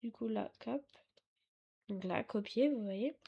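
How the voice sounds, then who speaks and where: Halting, slow-talking woman tutorial host. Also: a little high, vocal fry, slightly rough, lo-fi sound. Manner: hesitant, halting, full of fillers and self-corrections; apologetic and chatty. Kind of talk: casual screen-recorded tutorial. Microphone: desktop mic, sometimes too far away.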